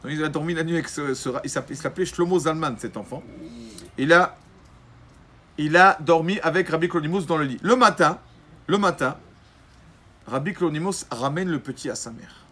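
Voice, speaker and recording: Animated man telling a religious story. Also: on the high side. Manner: lively storyteller who acts out quoted voices; pauses to correct himself mid-sentence. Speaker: rabbi. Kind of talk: storytelling Torah lesson.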